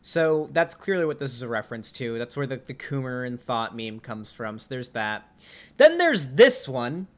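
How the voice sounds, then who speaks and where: Streaming live, a man in his twenties comments on memes in a casual way, breaking into exasperated outbursts and swearing. His medium-pitched voice moves at a moderate pace, animated and punctuated with laughs.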